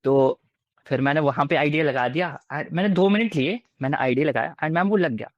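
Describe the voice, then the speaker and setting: A man's voice: a little high, fairly quick, dry recording, highs cut off. A young man in his twenties with an Indian accent, telling his story in a casual interview and acting out what officers said to him. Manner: mixes Hindi and English, acts out officers' lines. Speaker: interviewee, defence exam candidate.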